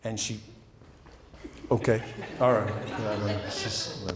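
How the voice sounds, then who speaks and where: A man working as a stage hypnotist and host, bantering off the cuff with volunteers in a halting way, often repeating phrases. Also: on the low side, steady tone, crowd noise. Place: indoor college stage show with audience. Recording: echoey hall PA with noisy background.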